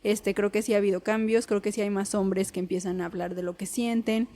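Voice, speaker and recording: A woman's voice: medium pitch, flat delivery, brisk, warm tone. A woman co-hosting a podcast, talking in a tentative, reflective way with many hedges. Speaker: podcast co-host. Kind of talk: conversational podcast chat.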